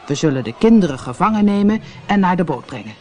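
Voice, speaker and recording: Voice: medium pitch, big pitch swings, fast talker, darkish tone, natural voice. A reader doing a roaring pirate captain. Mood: gleeful. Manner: roaring, bossy. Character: blustering grown male pirate captain.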